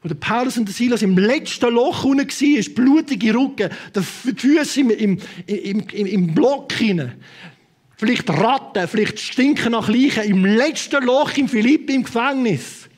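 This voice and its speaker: A man with a Swiss German accent preaches to his congregation in a notably high voice. He moves between loud, fervent proclamation and hushed asides, often slipping English words into his speech. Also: lively intonation, moderate pace. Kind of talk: sermon. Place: church hall with a congregation.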